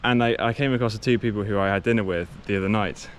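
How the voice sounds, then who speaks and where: A man's voice: lowish voice, quick pace, slight background noise. A young man chatting to an action camera held at arm's length outdoors during a cycling trip, rambling and correcting himself as he goes. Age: young adult. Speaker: cycle touring vlogger. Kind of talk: casual vlog to camera. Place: outdoors on a sunny coastal path.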